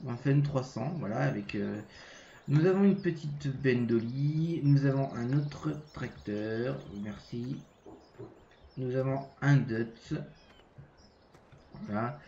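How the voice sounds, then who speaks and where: Nasal from a cold, a French man hosting a gaming channel stumbles casually through a game walkthrough, pausing, restarting and leaning on fillers. His mid-range voice is mellow, dark and gravelly, and the home recording comes across a little roomy and dull, with faint noise underneath.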